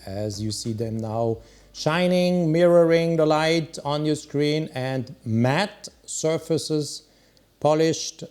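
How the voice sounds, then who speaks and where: A man's voice: fairly high pitch, darkish tone, clean tone. A man reviewing a watch, opinionated and emphatic. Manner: opinionated, emphatic, drawn-out pauses. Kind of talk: product review talk.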